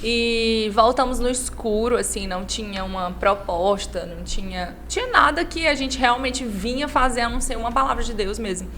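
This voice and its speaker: Appearing as a podcast guest, a pastor from Imperatriz, Brazil, recounts her own life. She talks at a moderate pace with hardly any pauses, her voice on the high side and a bit bright, with a little background noise.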